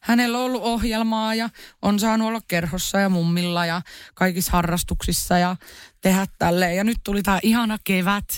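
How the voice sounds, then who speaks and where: A woman chats casually as a podcast co-host, joking about herself and leaning on fillers. Her voice is smooth and resonant. The sound is dry and close. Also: mid-range voice, steady tone, dry recording. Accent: Finnish. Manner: chatty, self-mocking, many fillers. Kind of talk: casual chat.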